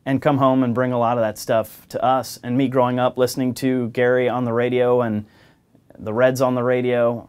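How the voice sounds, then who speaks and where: A man's voice: mid-range voice, darkish tone. A man from Cincinnati earnestly reminiscing in an interview. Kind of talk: reflective talking-head interview.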